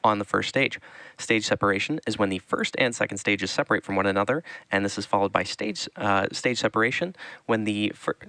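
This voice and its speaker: A man with a lowish voice hosts live launch commentary. He explains things in a measured, informative way, and the sound is close and dry. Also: fairly bright tone, no echo. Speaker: webcast launch host.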